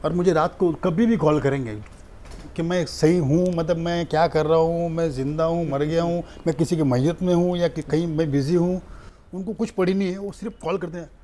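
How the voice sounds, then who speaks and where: Animated storytelling comedian. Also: male voice, fairly high pitch, moderate pace. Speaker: stand-up comedian and mimic. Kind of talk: casual interview.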